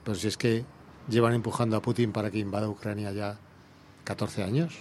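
A man's voice: on the low side, level tone, a little fast, a little mellow, slight background noise. A man with an Andalusian Spanish accent, an environmental activist guest in a radio interview, talking heatedly and firing off rhetorical questions.

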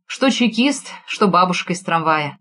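A woman's voice: on the low side, animated, a little slow, fairly bright tone. Woman reading a detective audiobook. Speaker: audiobook reader. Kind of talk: scripted narration.

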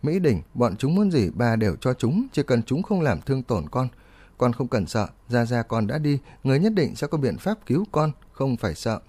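A man's voice: medium pitch, big pitch swings, normal speed, dark tone, breathy edge, no room sound. A man playing an anxious, doting middle-aged father who speaks in a worried, pleading way.

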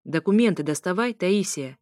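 A woman's voice: lowish voice, expressive, normal speed, darkish tone, dry recording, studio quality, natural voice. Ex-husband, man, sarcastic and stern, firm delivery read by a woman narrator. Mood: mocking. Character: smug, mocking male ex-husband.

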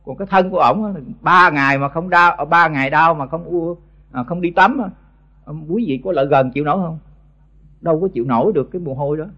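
A man's voice: fairly high pitch, fairly quick, bright, forceful tone, highs cut off. An older man with a Southern Vietnamese accent giving a blunt, scolding Buddhist sermon to monks, often stumbling over repeated words, on an old tape recording. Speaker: Buddhist monk teacher.

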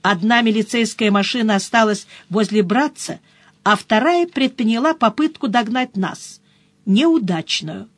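A woman narrating a first-person audiobook in a brisk storytelling manner, with short dips into other characters' voices. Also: fairly high pitch, animated, no echo.

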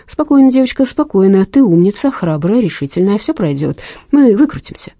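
A woman reading a bossy police chief, husky. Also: medium pitch, big pitch swings, brisk, dark tone, no room sound, clean studio sound. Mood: urgent, commanding. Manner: urgent, commanding instructions. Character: gruff male police chief, bossy but protective. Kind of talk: audiobook character reading.

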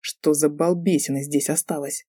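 A woman voicing a gruff, impatient male drow professor who barks curt commands. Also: low-pitched, steady tone, moderate pace, mellow, no echo, studio quality.

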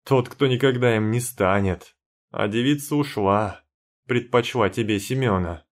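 A man voicing a wounded, dying bear-man who speaks hoarsely and bitterly. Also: mid-range voice, a little slow, lightly acted. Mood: mocking.

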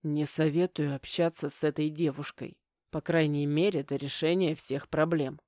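A man's voice: a little high, fairly even intonation, normal speed, a little mellow, dry recording, studio quality, close to an everyday voice. A woman voicing a stern middle-aged stepfather who lectures curtly. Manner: curt, lecturing.

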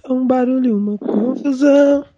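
A man putting on a high, strained voice as a caller phoning his sweetheart from a noisy payphone. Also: moderate pace, warm tone, dry recording, muffled recording. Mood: excited. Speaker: podcast co-host. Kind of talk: comic bit from a casual podcast.

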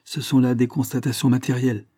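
A man voicing a calm, authoritative male chief inspector who speaks in a measured, firm way. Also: mid-range voice, dry recording, studio quality, pitched above the performer's own voice, lightly acted.

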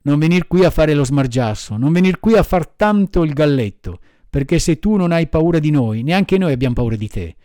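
A man's voice: a little high, expressive, moderate pace, few pauses, dark tone, dry recording, clean studio sound, natural voice. A man doing a gang of bullying schoolboys. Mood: threatening. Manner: bullying, taunting. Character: gang of rowdy boys threatening a classmate.

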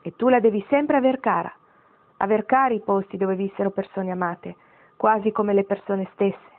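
A woman's voice: medium pitch, normal speed, phone-quality sound, lightly acted. A woman voicing a very old grandmother, wistful and wry, speaking tenderly to her great-grandchild in a storybook reading.

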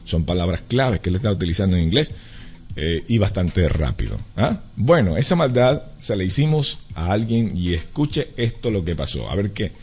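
A man's voice: low voice, sing-song, normal speed, a little mellow, slightly rough. A man hosting a live radio show, reading an ad and repeating addresses and phone numbers, slipping into English at times. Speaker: radio host. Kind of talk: live radio talk with ad reads.

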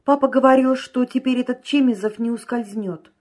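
A woman's voice: fairly high pitch, fairly even intonation, moderate pace, a little mellow, voice pushed up, natural voice. A woman reading an audiobook, voicing a polite, confident young lady.

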